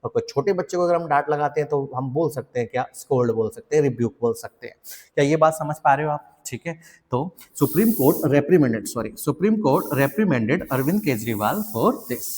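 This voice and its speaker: A man's voice: a little high, expressive, brisk, darkish tone. Indian man teaching vocabulary in a reverberant hall. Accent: Indian English. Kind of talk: classroom vocabulary lesson.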